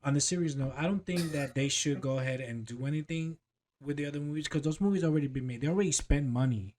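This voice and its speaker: Excitable man co-hosting a casual podcast. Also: a little high, fast. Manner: excitable, laughs easily, uses slang like "bro". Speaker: podcast co-host. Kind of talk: casual chat.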